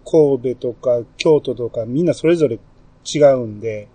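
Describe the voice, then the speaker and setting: A man with a Kansai accent hosting a casual podcast chat, relaxed and chatty, with many fillers and small laughs. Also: mid-range voice, normal speed, husky, dry recording. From Kansai, Japan. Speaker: podcast host.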